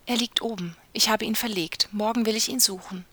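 A woman's voice: mid-range voice, fairly quick, fairly bright tone, slightly rough, no echo. A woman reading a fairy tale aloud, voicing a frightened young wife who pleads desperately for help. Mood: flustered. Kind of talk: storybook reading.

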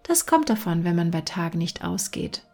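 A woman's voice: on the low side, big pitch swings, moderate pace, darkish tone, soft background music. A woman voicing a greedy, sly female cat in a fairy-tale reading, speaking in a smug, often half-whispered way. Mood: mocking. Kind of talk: storybook reading.

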